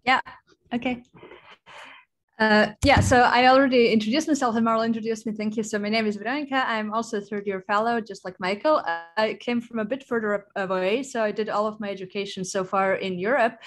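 A woman's voice: on the high side, steady tone, brisk. Young woman from Croatia, webinar talk. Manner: friendly, hesitant fillers. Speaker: research fellow speaker. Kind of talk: webinar presentation. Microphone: video call.

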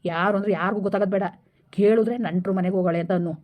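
Brief: woman playing a mellow, fast-talking village schemer who keeps the family quiet. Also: mid-range voice, fairly even intonation, lightly acted. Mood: persuading. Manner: hushing, persuasive, bossy. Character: scheming village elder brother, middle-aged man, election-obsessed. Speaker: comedy skit actor. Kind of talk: village comedy skit.

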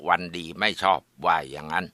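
A man narrating a folk tale in a plain, steady storytelling manner. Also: low voice, brisk, no echo, studio quality.

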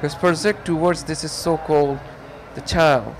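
A woman's voice: deep voice, fairly even intonation, normal speed, a little hiss or hum. A man reading out the lines of a female lightning mage as she gives her mission report, in his own plain voice. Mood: matter-of-fact.

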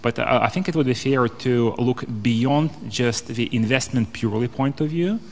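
A Lithuanian man in his thirties or forties speaks off the cuff as a panelist on an indoor conference stage, arguing in a hesitant, repetitive way. His mid-range voice is slightly mellow at a normal pace. Captured by a handheld microphone in a reverberant hall, the audio has a little hiss or hum.

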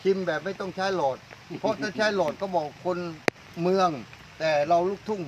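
A man's voice: sits high, fairly quick, background noise. A man interviewing a farmer for a promotional video, eager and repeating the answers back, outdoors in a coconut orchard in the rain. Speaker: interviewer, fertilizer brand owner.

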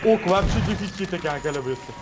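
A man chatting excitedly with friends during a co-op shooter game, teasing and exclaiming. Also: high-pitched, rapid-fire. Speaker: gamer playing with friends. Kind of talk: casual gaming chat. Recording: gameplay gunfire behind voice. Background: gunfire and game sounds.

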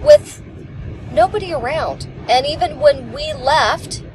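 Riding as a passenger, a woman with a very high, slightly mellow voice chats slowly, her pitch swinging widely as she rambles through stories. The clip comes from a dashboard camera inside a moving car, where the road noise is clear and loud.

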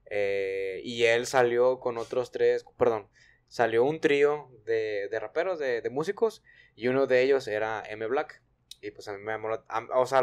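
A man's voice: medium pitch, clean tone. A young man hosting a casual podcast chat, slangy and full of restarts, at a desk mic in a small studio. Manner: relaxed slangy questioning with many restarts. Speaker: podcast host. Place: small studio with blue wall.

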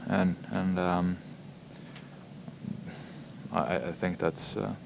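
Low, gravelly young man, halting answers. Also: level tone, background noise. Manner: halting, many ums and repeated words. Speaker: hockey player. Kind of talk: postgame press conference answers. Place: press room in front of a logo backdrop. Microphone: table microphones in front of him.

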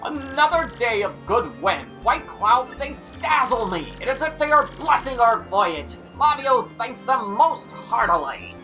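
A man's voice: extremely high pitch, very animated, measured pace, hardly any pauses, sharp tone, highs cut off, soft background music, pitched above the performer's own voice, exaggerated voice. A man voicing a vain, flamboyant dandy ship captain in an affected, fluting, pompous way for a video game. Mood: grandly dreamy. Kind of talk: video game character voice-over.

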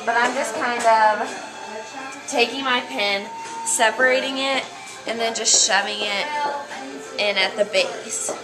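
Speaking slowly and pausing often, a young American woman with a fairly high voice demonstrates a hairstyling technique in a salon, informal and relaxed. A camera mic a little distance away captures her along with background music, and the sound quality is poor.

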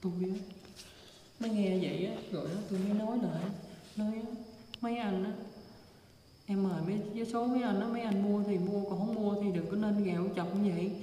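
A woman's voice: mid-range voice, fairly even intonation, a little fast, dark tone, slight background noise, close to an everyday voice. A woman playing a grieving ghost woman. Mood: pleading. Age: 30s. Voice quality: mournful, lamenting. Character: grieving vengeful woman ghost in her thirties. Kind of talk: ghost drama acting. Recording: echoey hall from far off.

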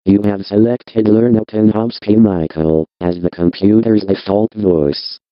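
A synthetic text-to-speech voice of a British man, speaking in a flat, monotone computer delivery. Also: fairly low pitch, measured pace, clear, resonant tone, no echo. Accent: British English. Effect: robotic text-to-speech voice. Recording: dull, dry lo-fi computer audio.

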